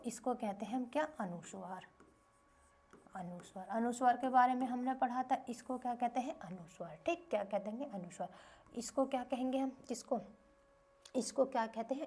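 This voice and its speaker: A woman's voice: a little high, a little mellow. A woman teacher giving a grammar lesson to young children, asking short questions and answering them herself in a repetitive drilling rhythm.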